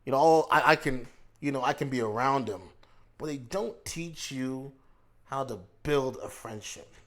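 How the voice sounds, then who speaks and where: Speaking at medium pitch and normal speed, a man with a slightly bright voice offers a casual, reflective monologue as a YouTube commentator. He poses rhetorical questions, revisits his own words, and keeps restarting loosely and repeating himself.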